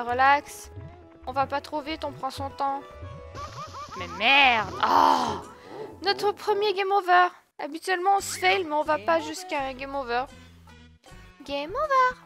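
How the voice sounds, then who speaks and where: A woman's voice: high-pitched, fairly bright tone. A young woman commentating her own gameplay, shrieking at setbacks and scolding the game character. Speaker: let's play gamer. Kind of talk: excitable gaming commentary. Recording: game music playing behind her voice.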